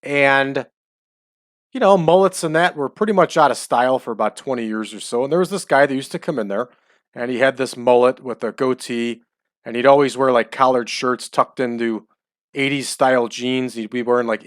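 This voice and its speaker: A chatty man in his forties hosts a relaxed playthrough of a wrestling management game and rambles loosely between results. His voice sits at an ordinary middle pitch. He records close to a dry mic. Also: moderate pace, no echo. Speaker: let's-play host. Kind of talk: casual commentary over a wrestling management game.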